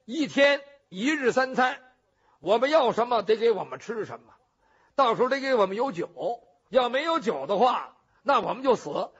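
A man's voice: extremely high pitch, big pitch swings, moderate pace, fairly bright tone, breathy edge, exaggerated voice. A male storyteller voicing a brash, swaggering bandit hero who blusters and gives orders, in a traditional storytelling performance. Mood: bossy. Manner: blustering, defiant, bossy. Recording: dull lo-fi recording.

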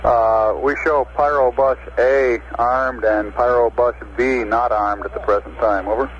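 Man, mission control radio voice, clipped procedure talk, medium pitch, dull radio transmission, faint hiss. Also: fairly even intonation, measured pace. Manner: terse, with frequent hesitation fillers. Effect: narrowband radio transmission.

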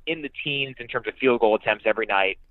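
Talking fast in a medium pitch, a male guest on a radio show breaks down sports in a conversational way, stressing points by repeating phrases. There's no echo, but the audio is muffled and narrow, with a phone-like radio quality.

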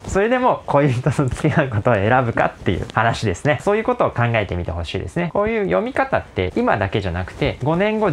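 A man hosting a casual spoken lecture on a classic novel, chatty and opinionated. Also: medium pitch. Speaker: host explaining literature.

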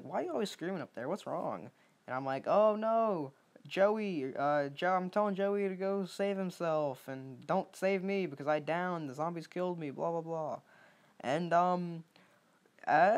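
A teenage boy chatting over his match footage in a loose, meandering way. He keeps stopping to restart his sentences and fills the gaps with ums as he tells a casual story. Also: mid-range voice. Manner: rambling, many ums and restarts. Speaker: gaming YouTuber. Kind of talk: casual gameplay commentary.

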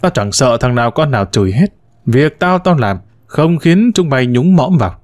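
A man's voice: mid-range voice, animated, normal speed, darkish tone, dry recording, studio quality, natural voice. A man voicing an older widowed mother who scolds her grown sons with venom, in a storybook reading. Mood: defiant. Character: sharp-tongued older widow, furious mother.

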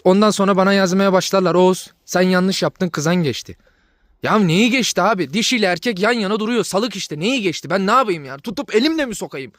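A man's voice: high-pitched, lively intonation, quick pace, few pauses, a bit bright, no room sound. Exasperated man ranting to his viewers. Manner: exasperated ranting, repeats himself. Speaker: dog breeder vlogger. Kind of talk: casual vlog talk to viewers.

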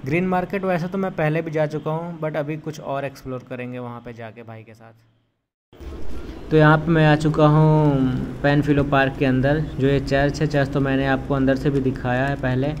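A man's voice: on the high side, fairly even intonation, normal speed, dull audio. Chatty man vlogging on a noisy street. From India. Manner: chatty, addresses viewers as brothers. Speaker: travel vlogger. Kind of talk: casual walking-tour narration. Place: outdoors on busy city streets and market. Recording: street noise behind handheld recording.

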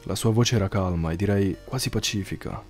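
A man narrating a horror story in a measured, somber scripted read. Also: fairly low pitch, a little mellow, soft background music.

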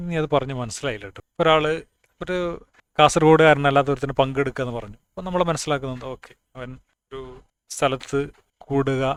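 A man's voice: medium pitch, a bit bright, smooth, no echo. A man from northern Kerala giving a casual spoken talk, plainspoken and reasoning aloud, often restarting words. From Kasaragod, northern Kerala. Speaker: speaker on language.

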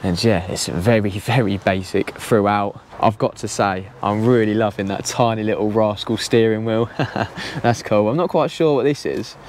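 A man's voice: on the low side, a little mellow, slight background noise. A young man giving a chatty, easygoing walkaround of cars on an action camera outdoors in the rain. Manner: chatty, easygoing, quick laughs. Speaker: car vlogger. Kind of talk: casual walkaround commentary. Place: outdoor car auction yard in rain.

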